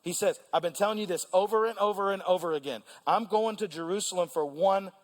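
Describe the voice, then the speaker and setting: High-voiced preacher in a reverberant hall. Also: male voice, a little fast. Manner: animated, asks the congregation questions. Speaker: pastor. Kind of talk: sermon. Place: large church hall. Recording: long church reverb.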